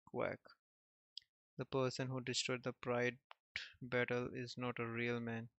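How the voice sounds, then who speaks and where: A man reads a comic aloud in a casual way, speaking every character's lines in one near-monotone voice and chuckling often between panels. His voice sounds smooth and clear. The recording is dry and a little dull. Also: medium pitch, measured pace, no echo. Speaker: manga reader.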